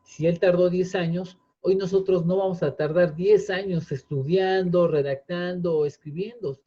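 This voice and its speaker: A man's voice: high-pitched, fairly even intonation, moderate pace, dark tone. A man, earnestly explaining in casual chat, often restarting with fillers. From Mexico. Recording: dull lo-fi sound.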